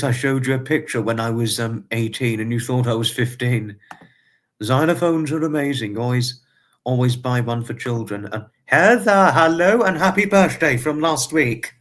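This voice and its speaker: A man's voice: mid-range voice, a bit bright. A man in his twenties casually chatting to viewers on a livestream, often repeating himself and using quaintly formal phrases. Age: 20s. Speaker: livestream host.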